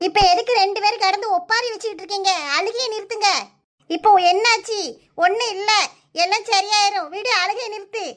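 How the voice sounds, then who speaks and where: A voice actor playing a scolding village mother in a cartoon, speaking with a Kanyakumari Tamil accent in a sharp, threatening manner. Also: fairly even intonation, a little fast. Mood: impatient. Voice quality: high, pitched-up cartoon voice. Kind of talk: cartoon voice acting.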